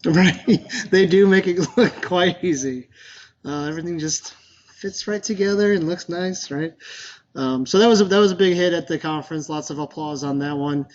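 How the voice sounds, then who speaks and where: Chatty male meetup presenter, higher voice. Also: moderate pace, darkish tone, dull audio. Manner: chatty, loose, many fillers and restarts. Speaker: user group presenter.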